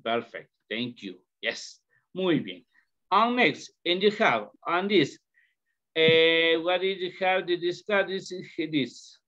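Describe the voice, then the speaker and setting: Hombre profesor de inglés, habla lento. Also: male voice, fairly high pitch, expressive, pushed and bright. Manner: slow, repeats questions to students, mixes English into Spanish. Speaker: English teacher. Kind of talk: online class lesson. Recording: dull lo-fi call audio.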